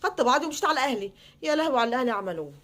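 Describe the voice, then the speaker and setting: A woman's voice: high-pitched, sing-song, a bit bright. A woman with an Egyptian accent telling a personal story casually, acting out the quoted back-and-forth between people. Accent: Egyptian Arabic. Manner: acts out quoted dialogue in quick back-and-forth.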